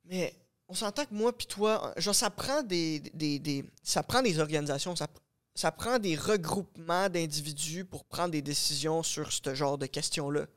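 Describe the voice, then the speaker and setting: A man with a Québécois accent co-hosting a podcast, animated and rambling, cursing casually as he acts out scenarios. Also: a little high, normal speed. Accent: Québécois French. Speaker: podcast co-host.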